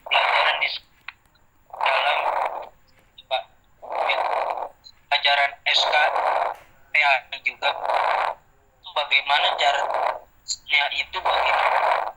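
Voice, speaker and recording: A man asking a question over a video call, his audio breaking up and his phrasing halting. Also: a little high, monotone, sharp tone, slight background noise, poor audio.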